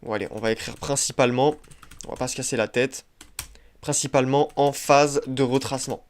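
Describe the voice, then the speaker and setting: A man walks viewers through a screen-share trading tutorial in a mid-pitched voice. He is emphatic and repetitive, checks in with the listener again and again, and drops little verbal tics as he marks up his charts. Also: fairly quick. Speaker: trading instructor.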